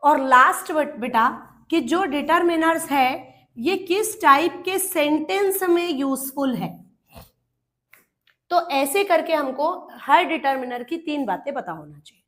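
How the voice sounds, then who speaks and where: High-voiced Indian woman teaching grammar. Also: lively intonation, takes it slowly, a bit bright. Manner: explains step by step, addresses students as "beta", asks and answers her own questions. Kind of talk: exam-prep classroom lesson.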